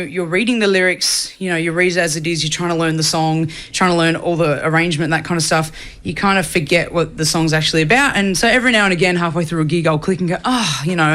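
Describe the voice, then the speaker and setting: This singer, a young woman from country Australia, chats through her interview answers, often using fillers and starting over. She has a lowish, slightly bright voice.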